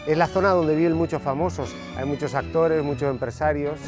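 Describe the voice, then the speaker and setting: A man's voice: a little high, fairly quick, over music. A middle-aged man from Spain with an Aragonese accent, chatting casually and explaining things with frequent fillers. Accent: Aragonese Spanish. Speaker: interviewee. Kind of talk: casual chat while touring.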